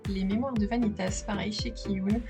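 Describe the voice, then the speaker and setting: A chatty woman walks through her bookshelves at home in an easy, enthusiastic vlog, talking over a handheld camera. Her voice sits at an ordinary middle pitch. Clear background music plays under her talk. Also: steady tone. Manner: chatty, enthusiastic, filmed while handheld, with filler pauses. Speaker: manga collector vlogger. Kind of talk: casual shelf-tour vlog. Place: at home by bookshelves in the living room.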